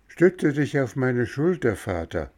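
A man's voice: medium pitch, big pitch swings, slow pace, darkish tone, pitched above the performer's own voice. A man voicing a young wooden puppet boy who speaks firmly and lectures in proverbs, in a storybook reading. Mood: gentle caring. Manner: firm, scolding.

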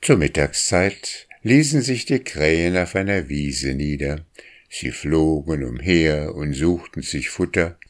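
Slow, deep-voiced male storyteller. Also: lively intonation. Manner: measured storytelling. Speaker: narrator. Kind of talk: audiobook narration.

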